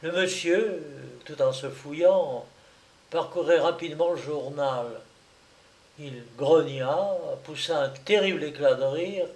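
A man narrating a literary story in a measured, expressive reading. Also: a little high, echoey room.

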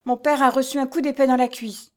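A woman's voice: high-pitched, steady tone, fairly quick, voice pushed up, lightly acted. A woman doing a tearful young peasant girl. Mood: tearful pleading. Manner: tearful, stammering, imploring. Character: pale, trembling young peasant girl, pleading. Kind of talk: storybook reading.

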